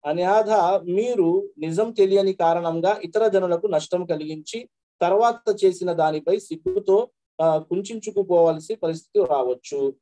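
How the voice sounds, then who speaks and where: A male preacher delivers a sermon in a high-pitched voice. His tone is warm and dark rather than bright. He chants the verses slowly and then explains them in a quick conversational flow. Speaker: Islamic preacher.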